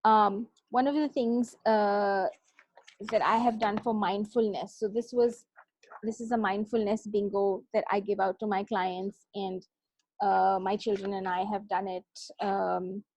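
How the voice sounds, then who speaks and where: A woman coaching parents through staying calm, speaking at an average pitch. She talks conversationally and keeps checking in with "right?". The recording is dry, with no room sound. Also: no echo. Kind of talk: talk on self-regulation.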